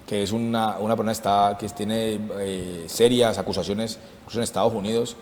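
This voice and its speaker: A man's voice: fairly low pitch, fairly even intonation, fairly quick, a little mellow, in a large hall, a little hiss or hum. A man from Colombia speaking as a political commentator on a talk show, impassioned and emphatic, repeating phrases for stress.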